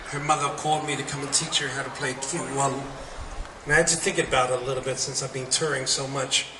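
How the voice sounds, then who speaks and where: A middle-aged man chatting from a concert stage between songs, rambling and heartfelt and often laughing. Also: medium pitch. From New Zealand. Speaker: slack key guitarist performing at a festival. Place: concert stage at an arts center. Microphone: stage microphone. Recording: roomy live concert recording from a distance. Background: loud crowd and hall noise.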